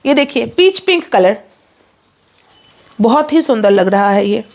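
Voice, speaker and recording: A woman hosting a live saree sale, urging viewers to book fast in quick, pushy patter mixed with English. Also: fairly high pitch, lively intonation, creaky, a little mellow. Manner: rapid, pushy sales patter, mixing English in. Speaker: online saree seller. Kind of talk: live sales stream.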